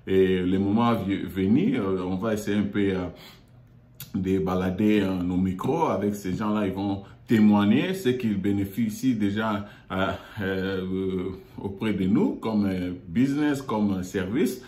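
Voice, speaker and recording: A man from Congo hosting his own online show, talking haltingly with many fillers and repeated words from a meeting room in an office. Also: low voice, mellow. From Democratic Republic of the Congo. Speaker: YouTube show host. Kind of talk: hesitant monologue. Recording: echoey room.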